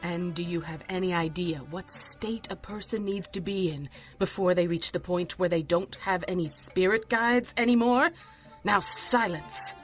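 An actress playing an imperious, curt mystic seer in an audio drama, with a haughty, theatrical and deadpan delivery. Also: female voice, lowish voice, normal speed, soft background music, close to an everyday voice. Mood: stern, dismissive.

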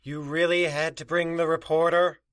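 An actor playing a masked, snake-haired male supervillain who swings from booming threats to sarcastic grumbling, in a comedic audio drama. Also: level tone, normal speed, fairly bright tone, dry recording, clean studio sound, lightly acted. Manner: grandiose then sarcastic.

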